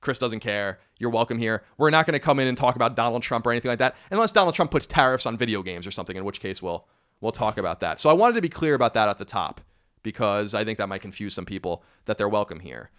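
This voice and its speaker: A man in his thirties from the US hosts a laid-back podcast in a lowish, slightly bright voice. He's animated and quick, drifting off topic, correcting himself, and dropping wry asides.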